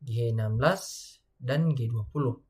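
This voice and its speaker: A man's voice: mid-range voice, a little slow, a little mellow. A young man from Indonesia giving a student class presentation, hesitating often and reading through lists of codes. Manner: hesitant, many filler sounds, reads lists of codes.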